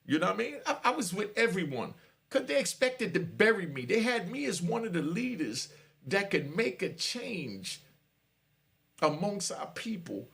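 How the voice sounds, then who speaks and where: Speaking high and sing-song at a normal speed, this fifties-aged former prisoner tells his story straight to camera. His fairly bright tone carries vocal fry as he preaches cautionary messages to a young audience.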